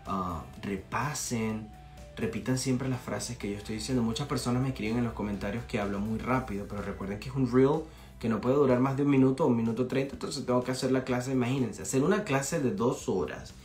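A young man from Venezuela teaching English in a casual live-streamed lesson, chatty and encouraging, often checking in with his students and repeating phrases slowly for practice. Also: mid-range voice, darkish tone, faint music behind.

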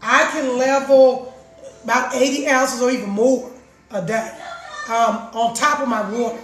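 A middle-aged juice vlogger with a raspy voice chats casually to her viewers about juicing in a live session from her home kitchen. Her voice is fairly high with fairly even intonation and a measured pace; she's chatty, repeats herself and calls viewers "guys." A phone camera across the counter picks her up, with roomy kitchen echo.

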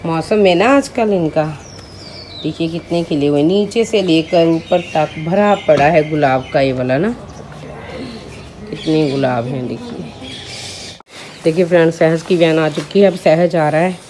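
This vlogger is a mother in her thirties with a sore throat, speaking in a deep, darkish voice at a slightly slow pace, with a little hiss or hum on the audio. Holding her phone, she films around her home's kitchen and rooms. She chats casually, treating her viewers like friends.

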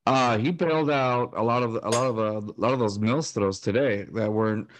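A man in his thirties co-hosts a fan podcast about sports from a home room over a video call, using a stand-mounted studio mic with a headset. He rambles casually with many fillers and restarts, at a moderate pace in a medium-pitched voice. Slight background noise is present.

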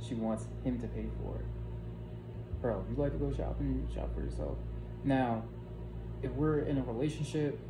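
A man's voice: medium pitch, expressive, normal speed, vocal fry, long pauses, noisy background. A man in his twenties giving casual, opinionated, slangy reaction commentary into a phone at home. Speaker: reaction video creator. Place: small room at home. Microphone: phone at arm's length. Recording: roomy phone recording, music behind.

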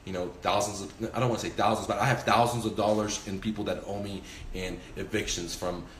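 In an echoey small room by a window, a real estate investor in his forties talks to camera in a casual, profane, emphatic instructional vlog, hands gesturing. He speaks briskly in a lowish voice with fairly even intonation, over slight background noise.

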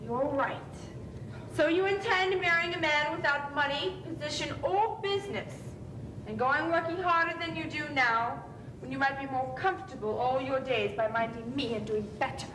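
A woman's voice: moderate pace, fairly bright tone. A woman on an amateur stage playing a stern, wealthy old aunt who scolds and lays down terms like an old tycoon. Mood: scolding. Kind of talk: amateur stage play acting. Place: theatre stage, indoors. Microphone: far camera. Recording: noisy, rumbling, echoey distant stage recording.

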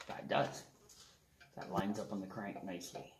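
A low-voiced garage mechanic host talks through engine repair at normal speed, relaxed as he works on an engine in a casual how-to demonstration. He's in an open wood shed workshop, and the very noisy recording is echoey with loud tool clatter.

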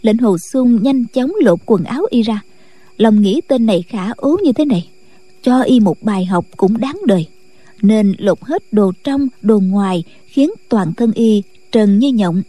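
A woman narrating a martial-arts novel in a steady, scripted late-night storytelling style. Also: mid-range voice, a little slow. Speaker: audiobook narrator.

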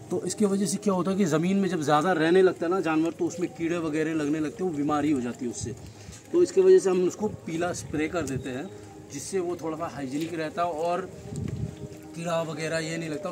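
A man in his thirties with a Kolkata Hindi accent, giving a casual outdoor tour of his goat farm and talking straight to viewers as "brother", recorded on a phone. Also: fairly high pitch. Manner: chatty, addresses viewers as brother, frequent tag questions. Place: outdoor farmyard with goats.

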